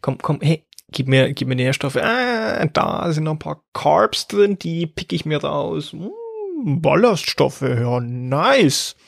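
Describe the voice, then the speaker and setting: A man's voice: fairly high pitch, wildly swooping pitch, slow pace, vocal fry, hardly any pauses, heavily acted. A man voicing a greasy, gel-haired, self-important young small intestine. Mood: smug. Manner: smug, wheeling-dealing.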